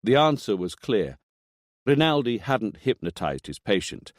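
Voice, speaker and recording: A man reading a thriller audiobook as scripted narration, with expressive delivery. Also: fairly low pitch, a little slow, dry recording, clean studio sound.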